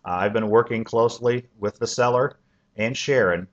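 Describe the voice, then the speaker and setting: A man working as a mortgage loan officer, giving a sales pitch that walks through a financing plan step by step, with frequent "uh" and "um" fillers. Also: moderate pace. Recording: dull lo-fi recording.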